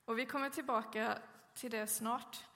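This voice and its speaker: Woman preacher, mid pitch, gravelly edge, conversational sermon delivery, long church reverb. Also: fairly even intonation, sharp tone. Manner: conversational storytelling with occasional fillers. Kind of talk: sermon with scripture reading.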